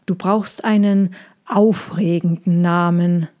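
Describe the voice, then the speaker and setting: A woman reading a storybook aloud, voicing a calm, scheming man who runs the show, musing to himself in an unhurried way. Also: on the low side.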